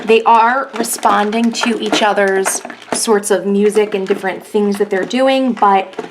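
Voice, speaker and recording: A young woman vlogger chatting casually while reviewing a toy, soft-spoken with many fillers, recorded at home on a camera mic. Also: medium pitch, fairly even intonation, measured pace, background noise.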